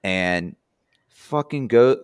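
A man with a lowish voice tells a rambling anecdote on a casual podcast, cursing freely and getting animated as he goes. The sound is dry, with no room echo. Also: drawn-out words, smooth. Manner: profane, animated storytelling.

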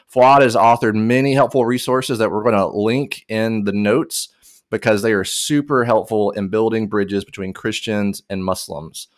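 A man's voice: fairly low pitch, steady tone, normal speed, no room sound, studio quality. A man co-hosting a podcast, introducing a guest with enthusiasm. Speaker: podcast co-host.

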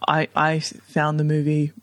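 A man's voice: a little high, completely flat delivery, measured pace, fairly bright tone, no echo. Man rambling in casual podcast chat, dry sound. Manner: rambling, full of fillers like "like" and "um". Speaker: podcast co-host.

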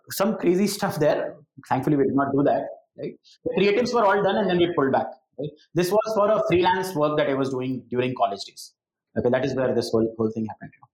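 A man's voice: medium pitch, a little mellow. A man with a North Indian accent telling stories casually, mixing English with Hindi and often checking in with "right?" tags. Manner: switches between English and Hindi, frequent "you know" and "right?" tags. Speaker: entrepreneur telling of their career. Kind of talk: casual conversational storytelling. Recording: echoey room.

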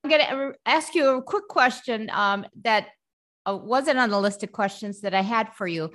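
A woman hosting an interview, friendly and encouraging, with quick affirmations. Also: on the high side, fairly bright tone. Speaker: host. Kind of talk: interview conversation.

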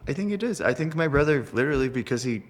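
A man's voice: medium pitch, lively intonation, fast talker. A young man telling stories as a podcast guest, rambling with lots of fillers and laughs. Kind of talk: casual storytelling chat.

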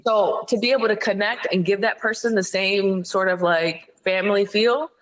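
A woman's voice: medium pitch, normal speed, rough recording. Direct, blunt woman telling stories. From Ohio, USA. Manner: direct, blunt, animated storytelling. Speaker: psychiatrist guest. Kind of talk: casual conversational interview.

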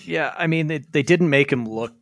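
A man's voice: on the high side, moderate pace, a bit bright, no echo, studio quality. A man co-hosting a casual podcast, making wry comments about a movie, with stammered restarts. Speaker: podcast co-host. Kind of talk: casual movie recap chat. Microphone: close podcast mic.

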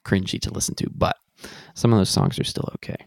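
A man's voice: quick pace, dry recording, studio quality. A man chatting casually as a podcast guest, laid-back and self-deprecating, with lots of ums. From Western Pennsylvania.

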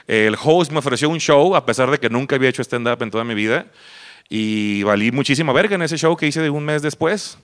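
A man's voice: mid-range voice, animated, a little fast. A young man with a Mexican accent, a stand-up comedian telling a personal story and acting out other people's lines, swearing casually as he goes. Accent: Mexican Spanish.

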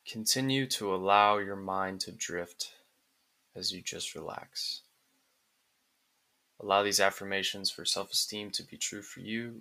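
A man narrating a guided relaxation script like a sleep story, in calm, soothing, deliberate phrases with pauses. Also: low voice, creaky, poor audio.

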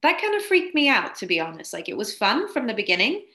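A woman's voice: on the high side, very animated, fast, sharp tone. A woman guest on a podcast interview, telling her story in a chatty way, laughing often and filling with "like". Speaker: podcast guest, spiritual coach.

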